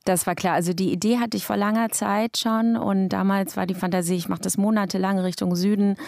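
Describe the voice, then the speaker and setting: A woman's voice: mid-range voice, fairly even intonation, brisk, vocal fry, darkish tone, dry recording, studio quality. A woman author, a guest in an interview, answering thoughtfully with many hesitations.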